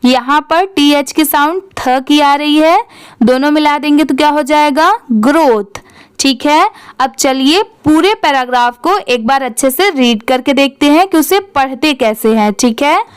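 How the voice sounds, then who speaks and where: In a dry recording, a high-voiced woman with an Indian accent teaches English reading at a very slow pace. She goes word by word, spells each one out letter by letter with patience, and poses questions along the way.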